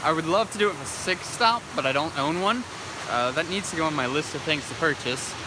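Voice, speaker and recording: An animated man with a slightly high voice, a vlogger and landscape photographer, talks casually to his handheld phone or action camera by a rushing river, musing out loud. Loud water and waterfall noise fill the noisy outdoor recording.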